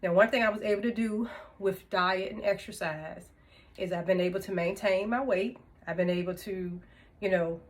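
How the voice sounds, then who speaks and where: A woman in her fifties chatting casually to camera as a vlogger, laughing often between thoughts. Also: mid-range voice. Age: 50s. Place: indoors, room with music she turned off.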